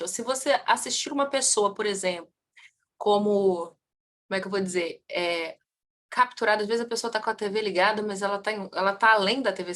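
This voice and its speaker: A woman teaches a class in a lively way. She speaks in a middle pitch and swings between loud and quiet, quick and slow. She poses rhetorical questions to her students and answers them herself. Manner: lively, swings in loudness and pace. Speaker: family constellation teacher.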